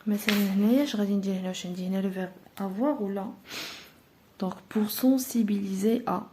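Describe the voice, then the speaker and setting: A woman with a Moroccan Arabic accent teaching a French grammar lesson, explaining step by step with patient pauses and fillers. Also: mid-range voice, fairly even intonation, noisy background.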